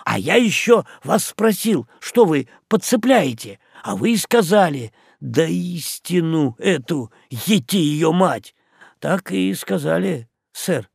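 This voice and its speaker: A man doing a stubborn, loud-mouthed sailor. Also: fairly high pitch, sing-song, slow, creaky, slightly rough, no echo, studio quality, full character voice. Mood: insistent. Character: stubborn, defiant male sailor.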